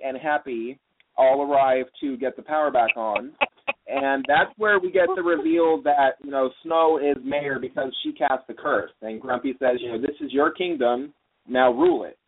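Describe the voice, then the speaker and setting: Guy hosting a podcast, kinda high voice, keeps the chat moving, sounds like a phone call. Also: normal speed, slight background noise. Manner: recaps the story and steers the talk. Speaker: podcast host. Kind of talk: casual podcast discussion. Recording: phone-like narrow audio.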